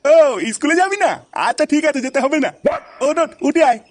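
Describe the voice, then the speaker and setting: A man's voice: very high-pitched, animated, moderate pace, a little hiss or hum. A man voicing a crude, easygoing father in a comic cartoon, talking to his son in a joking tone.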